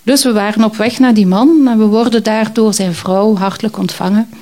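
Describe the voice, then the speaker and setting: Mellow woman telling a memory. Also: medium pitch, steady tone, normal speed. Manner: reflective, hesitant, many fillers. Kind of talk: personal storytelling.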